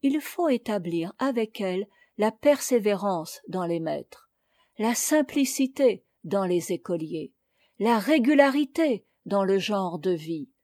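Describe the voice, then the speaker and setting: A woman reading a classic essay aloud as an audiobook reader, in a measured, deliberate way. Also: mid-range voice, mellow, no room sound, studio quality.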